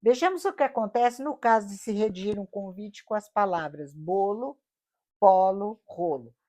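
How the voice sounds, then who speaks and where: A Brazilian woman of middle age leads a Bible study lesson in a warm, mellow voice. She explains step by step, checks in with her listeners and poses rhetorical questions as she goes. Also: medium pitch, lively intonation, brisk. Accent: Brazilian Portuguese. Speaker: Bible teacher.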